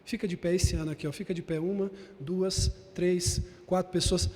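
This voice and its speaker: A man with a high-pitched voice preaching a sermon in a church, hammering his lines through emphatic repetition. His voice rings out with the long reverb of a big hall, and he keeps turning to the congregation as brother. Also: fairly even intonation, normal speed, a little mellow. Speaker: bishop preaching.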